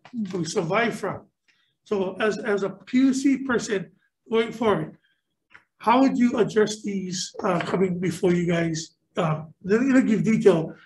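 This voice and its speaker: A man's voice: sits high, a little hiss or hum, poor audio. A middle-aged man questioning a nominee at a legislative hearing in an earnest, rambling way, speaking through a mask into a table mic. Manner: earnest, rambling, repeats words while searching. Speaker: state senator questioning a nominee. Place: government hearing room. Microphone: table microphone, wearing a face mask.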